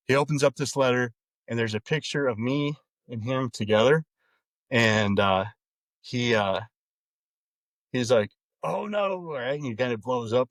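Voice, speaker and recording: Relaxed man telling stories, dry sound. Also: mid-range voice, no room sound. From Wyoming, USA. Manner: relaxed, wry storyteller. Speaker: podcast guest. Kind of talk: casual storytelling.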